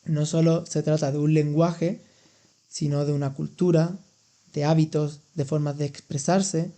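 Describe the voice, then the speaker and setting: This young podcast host from Andalusia teaches language in a casual, educational chat, patiently working through expressions with examples. His fairly high voice has a warm tone, though his delivery is flat and a little slow.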